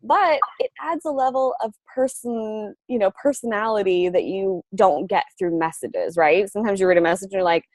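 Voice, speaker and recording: A woman's voice: mid-range voice, moderate pace, hardly any pauses, dry recording. A woman in her thirties, a coach on a casual team call, rambling with lots of fillers and frequent laughs.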